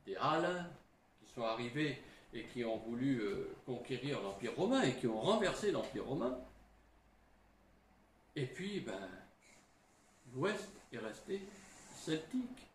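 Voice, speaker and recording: A middle-aged man speaks as a historian, slow and unhurried, his pitch rising and falling a lot. He talks in a halting way, restarting phrases and tagging them with little asides. The room sounds roomy, with faint ambience behind him. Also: a little hiss or hum. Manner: halting, frequent "hein" and restarts. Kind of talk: explanatory talk.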